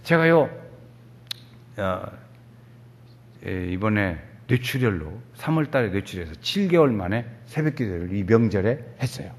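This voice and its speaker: An older man preaching a sermon as a pastor, animated and acting out quoted dialogue, sounding weary and foggy-headed. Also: lowish voice, moderate pace, pauses often. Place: church sanctuary. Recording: long church hall reverb.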